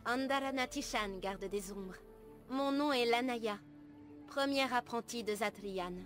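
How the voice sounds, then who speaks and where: A woman playing an earnest, gentle young elf apprentice in a video game, speaking formally and in measured, literary phrases. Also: fairly high pitch, close to an everyday voice. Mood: courteous. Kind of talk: video game dialogue acting. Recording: music behind the voice.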